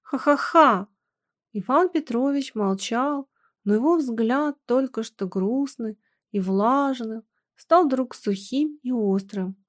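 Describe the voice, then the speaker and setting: A woman narrating a literary story with measured, expressive reading. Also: fairly high pitch. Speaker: audiobook narrator.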